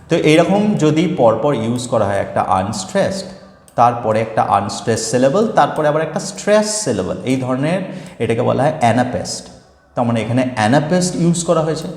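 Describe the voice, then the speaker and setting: A man teaches English poetry, explaining a poem line by line, mixing English terms into his talk and reading the lines slowly and deliberately. His voice is medium-pitched and darkish, recorded in an echoey room with long reverb.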